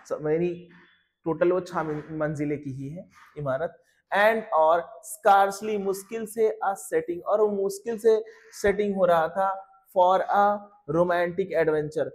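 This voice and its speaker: A man with an Indian accent teaching an English lesson, reading phrases slowly and explaining them line by line, often asking questions and answering them himself. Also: a little high, darkish tone.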